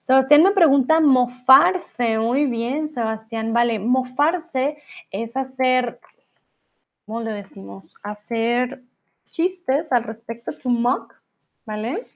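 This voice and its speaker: A woman teaching a live online Spanish lesson, pausing to spell words out and explain their meanings. She speaks slowly, with a slightly high voice. The recording is dull and lo-fi.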